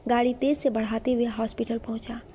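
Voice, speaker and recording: A woman narrating an emotional story in a gentle, measured way. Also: a little high, little pitch movement, slight background noise.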